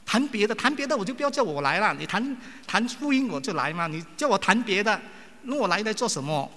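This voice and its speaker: A man's voice: high-pitched, quick pace. A male preacher giving a sermon full of personal stories, acting out the people he quotes. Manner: animated, acts out quoted people. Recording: long reverb of a large hall.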